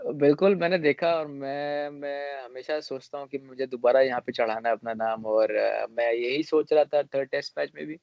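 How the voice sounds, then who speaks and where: A young male cricketer answering interview questions in a relaxed, hesitant way, with frequent fillers and restarts. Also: mid-range voice, moderate pace, gravelly, dry recording, highs cut off.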